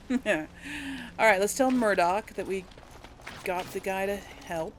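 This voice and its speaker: A woman hosts a laid-back role-play let's play at a slow pace, her voice medium in pitch. Game music plays behind her along with slight background noise while she chats, reacts, and delivers in-character lines.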